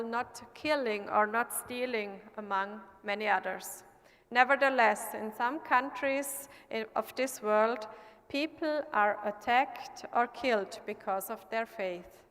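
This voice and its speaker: A woman from Austria who sits in parliament, giving an earnest, measured prepared speech at an assembly. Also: a little high, a bit bright. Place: large assembly hall. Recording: long hall reverb.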